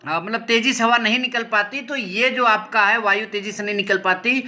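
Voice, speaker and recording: A male teacher with a high, very bright voice walks through a grammar lesson. He repeats key points and keeps asking whether things are clear. He draws out single sounds slowly so they can be heard. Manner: repetitive, checks in with "ठीक है" often; slows down to sound out letters. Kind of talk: explaining a lesson over slides.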